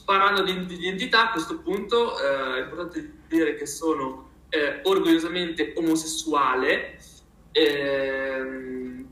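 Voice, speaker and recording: A man speaking emphatically and expressively in a casual interview, with halting phrasing and repeated words. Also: on the high side, bright, forceful tone. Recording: roomy, echoing sound.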